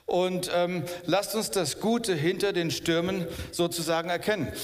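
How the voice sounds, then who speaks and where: A man's voice: high-pitched, unhurried, slight background noise. Male pastor preaching in an echoing hall. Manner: conversational preaching, frequent "okay?" and "ja?" asides. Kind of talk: sermon. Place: church service hall. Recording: long reverb of a church hall.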